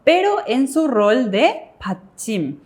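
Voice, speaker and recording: Woman explaining things clearly, a bit high, reassuring tone. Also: sing-song, a little slow, a little mellow. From Paraguay. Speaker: co-host of a language lesson. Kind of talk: bilingual classroom lesson on TV.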